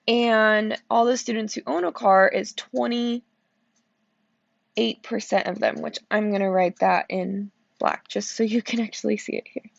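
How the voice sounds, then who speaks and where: Yawning and sleepy, a female math teacher walks through probability problems one step at a time in a recorded lesson, pausing to ask "okay?" along the way. She speaks unhurriedly at a medium pitch, with fairly even intonation and vocal fry, in a dry, lo-fi recording.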